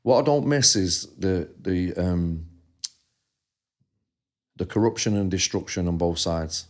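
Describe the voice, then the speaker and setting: A deep-voiced man co-hosts a podcast, speaking a little slowly with a somewhat mellow sound. In casual chat, he tells stories about his past like a laid-back storyteller, dropping into quoted voices now and then.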